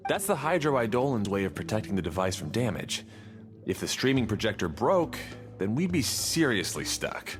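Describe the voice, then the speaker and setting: Animated, easygoing young technical guide. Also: male voice, on the low side, normal speed. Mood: explaining, concerned. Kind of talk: video game voice acting. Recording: music behind the voice.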